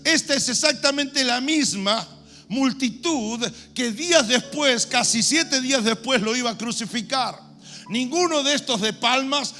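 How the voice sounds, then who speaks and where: High, bright-voiced older pastor preaching. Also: male voice. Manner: animated preaching, asks the congregation questions, acts out crowd shouts. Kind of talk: sermon.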